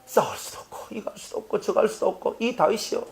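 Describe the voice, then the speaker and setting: Lively male pastor. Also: sits high, fast talker, gravelly. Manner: animated, rhetorical questions to the congregation. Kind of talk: sermon.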